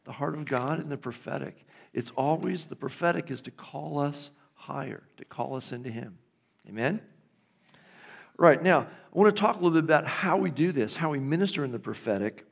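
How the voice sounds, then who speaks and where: A man's voice: a little high, animated, normal speed, vocal fry, husky. A middle-aged man, a pastor preaching a conversational sermon in a church and checking in with the congregation. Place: church sanctuary.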